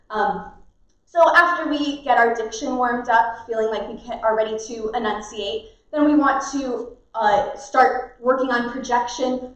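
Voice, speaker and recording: Woman drama teacher, high voice, clear and instructive, heard from a distant mic in an echoey room. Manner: clear, instructive, bursts into loud chants. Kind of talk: demonstrating class warm-ups.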